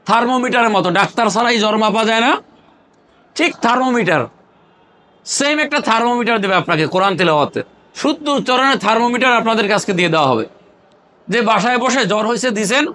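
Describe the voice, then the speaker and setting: A man's voice: sits high, bright, forceful tone, slight background noise. A man from Bangladesh teaching Quran recitation to a class, asking questions again and again, prompting the group to answer aloud and drilling terms in chanted repetition. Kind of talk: call-and-response classroom teaching.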